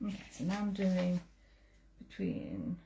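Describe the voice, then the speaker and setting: Her voice is fairly low, creaky and mellow, with an unhurried, sing-song flow as she hosts a quilting livestream. She chats casually while sewing and says hello to viewers, over noisy home livestream audio.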